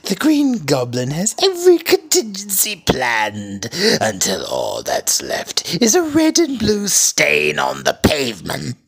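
A man voicing a theatrical, gleefully menacing cartoon goblin supervillain as an impression, with a raspy, gravelly voice that swings between shrill highs and low growls. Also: wildly swooping pitch, slow pace, full character voice. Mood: taunting menace.

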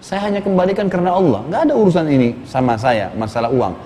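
A man's voice: a little high, animated, fast talker, warm tone, lightly acted. A man doing a humble, pious young man. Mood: firm. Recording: reverberant hall, faint background noise.

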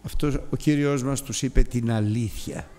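A man's voice: mid-range voice, dark tone, in a large hall. A man preaching a sermon with an impassioned, emphatic delivery that rises and repeats its phrases.

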